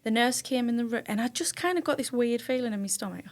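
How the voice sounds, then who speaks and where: A woman's voice: on the high side, fast. A woman guest on a podcast, telling a personal story with vivid feeling and acting out what people said. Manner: emotional, vivid retelling with quoted dialogue. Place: indoor studio room.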